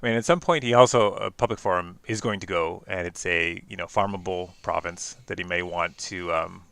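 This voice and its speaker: A man with a Canadian accent giving chatty live-stream commentary on a card game, quick and full of fillers and restarts. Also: low-pitched, fairly even intonation, vocal fry, fairly bright tone, no echo.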